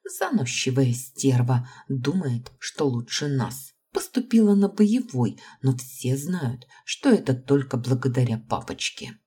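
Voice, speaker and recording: A snobbish, gossipy young student girl from a fantasy audiobook, as a woman narrator puts her on. She speaks sharply and scornfully, her voice pitched above the reader's own low, husky tone yet still dark underneath, with lively, swinging intonation. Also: a little slow, hardly any pauses, full character voice.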